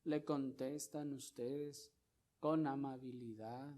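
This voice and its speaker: A man preaching a sermon, putting rhetorical question after question to the congregation and swinging from loud stressed lines to quiet, low ones. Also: steady tone. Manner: slow, deliberate delivery. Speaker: pastor.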